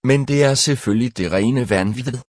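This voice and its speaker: A man's voice: mid-range voice, darkish tone, dry recording, voice pushed up, natural voice. Man reading as a grim eccentric survivalist. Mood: indignant. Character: eccentric brooding male survivalist, talkative and grim.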